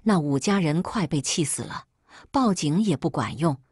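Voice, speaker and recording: A woman tells a first-person story with a wry, unbothered manner. Her voice is low and husky, and the recording is close and dry with no room sound. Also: expressive, normal speed, a little mellow, no echo. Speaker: narrator.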